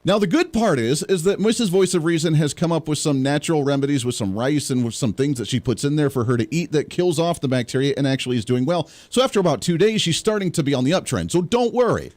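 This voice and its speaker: A man's voice: fairly high pitch, expressive, quick pace, hardly any pauses, a little mellow. A man hosting a political talk show, joking and rambling through sarcastic asides as he chats to his audience. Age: young adult or middle-aged parent. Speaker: host.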